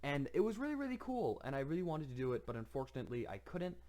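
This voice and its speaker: A man's voice: a little high, big pitch swings, quick pace, a little mellow. A young man casually commenting on his own showcase, enthusiastic, laughing often and using many fillers.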